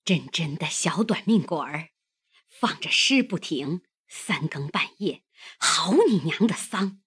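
A woman's voice: sits low, expressive, slow pace, fairly bright tone, breathy edge, exaggerated voice. A woman voicing a grumpy old nursemaid who mutters curses under her breath. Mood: grumbling. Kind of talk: audiobook character reading.

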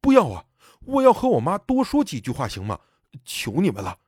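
A man's voice: fairly high pitch, huge pitch swings, brisk, a little mellow, husky, no room sound, studio quality, heavily acted. A man voicing a distraught, pleading son. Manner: pleading, tearful.

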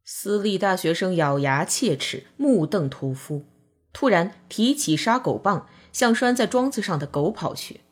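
Husky woman narrating an audiobook. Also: fairly low pitch, animated, unhurried, soft background music.

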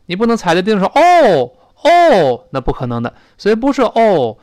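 A man from China teaching English pronunciation in a recorded lesson, explaining and demonstrating sounds slowly and loudly. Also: high-pitched, big pitch swings, dry recording.

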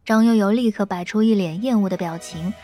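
Woman, mid-pitch, light and playful audiobook narrator over soft music. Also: a little fast. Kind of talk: web novel narration.

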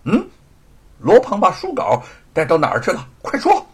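A man voicing a cold, commanding young swordswoman in a storytelling performance, with a husky voice. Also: fairly high pitch, huge pitch swings, moderate pace, heavily acted. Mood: stern. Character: stern sword-wielding heroine, young woman.

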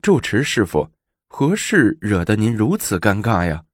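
A man's voice: fairly low pitch, big pitch swings, unhurried, slightly rough, no echo, clean studio sound, full character voice. A man voicing a bold, clever young woman of the palace, confident and teasing, in a storybook reading.

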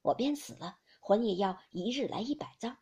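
A woman reading as a young nobleman who coaxes and pleads. His voice is soft and breathy, somewhat lower than the narration, and rises and falls widely. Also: lively intonation, moderate pace, full character voice. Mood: coaxing. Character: coaxing lovesick young nobleman.

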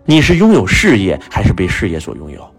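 Animated male motivational speaker, husky voice. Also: deep voice, fairly quick, faint music behind. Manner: animated, rhetorical questions, storytelling. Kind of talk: motivational lecture to an audience.

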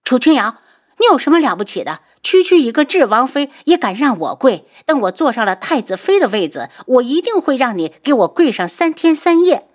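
A spoiled young noblewoman shrieks her indignation, as a woman narrator puts her on. The voice rides high and loud with wide, jumping swings in pitch. It is an audiobook of a costume drama tale. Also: big pitch swings, fairly quick. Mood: furious. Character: spoiled shrill young noblewoman, arrogant, hot-tempered.

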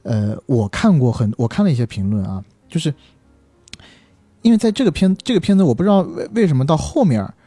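A man's voice: fairly high pitch, very animated, fairly quick, warm tone, breathy edge, no echo, soft background music. A man in casual discussion, reasoning aloud and circling back over his phrases. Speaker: film industry commentator.

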